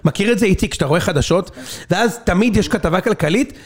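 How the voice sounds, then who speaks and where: High-voiced joking man co-host. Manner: animated, joking, laughs often. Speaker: podcast co-host. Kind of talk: casual sports banter.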